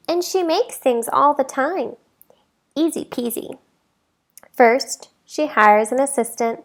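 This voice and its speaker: Reading a picture book to young children in a teacher's role, a woman whose voice sits on the high side uses expressive delivery. She phrases things deliberately, with strong emphasis.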